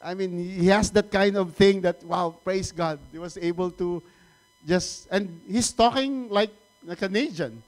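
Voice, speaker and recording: A middle-aged pastor with a Filipino accent delivers a sermon in a fairly high voice. His preaching is animated, full of repeated words and quick laughs. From Philippines.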